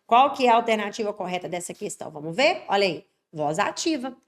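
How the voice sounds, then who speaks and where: A woman's voice: medium pitch, expressive, a little fast. A Brazilian woman teaching Portuguese for exams, emphatic and chatty, constantly checking in with tag questions and slightly congested from an allergic cold. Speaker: Portuguese teacher for exam prep. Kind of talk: online exam-prep lesson.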